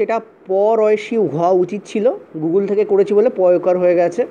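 A teacher with a warm, medium-pitched voice delivers an exam-prep lecture, repeating points, often checking in with "okay," and spelling terms out letter by letter. The audio is dull and slightly lo-fi with a faint hiss.

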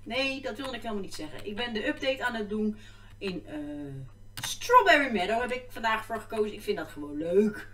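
A gaming vlogger chats casually at her computer while playing, easily distracted and exclaiming often. Her fairly high, fairly bright voice is animated and brisk, picked up by a desk microphone off to the side at a distance in an echoey room.

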